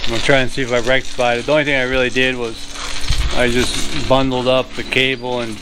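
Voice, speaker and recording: A man's voice: mid-range voice, flat delivery, fast. A man talking casually and offhandedly in an unscripted vlog, recorded on an action-camera mic with a windscreen. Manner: offhand, unscripted, trailing asides. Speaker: vlogger. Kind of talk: casual rambling vlog narration. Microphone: action camera with external mic and fuzzy windscreen. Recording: windy, noisy outdoor action-camera mic.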